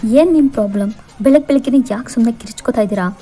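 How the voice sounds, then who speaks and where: A woman's voice: on the high side, quick pace, close to an everyday voice. A woman doing a fiery, indignant young bride. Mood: defiant. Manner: pleading then defiant, emphatic.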